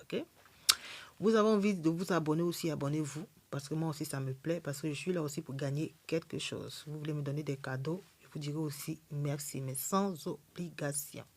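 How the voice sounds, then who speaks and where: A woman's voice: sits low, a little fast, darkish tone. A woman hosting a spiritual livestream, speaking French with an accent she mentions herself, in a blunt, defiant way, often checking in with the audience. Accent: non-native French accent. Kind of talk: live stream monologue. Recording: live stream.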